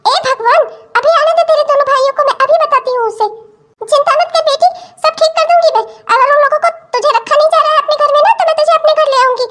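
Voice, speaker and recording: A woman voicing an older cartoon mother who rushes to defend her daughter. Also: very high voice, fairly bright tone, pitched above the performer's own voice. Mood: indignant. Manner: fussing, indignant, quick.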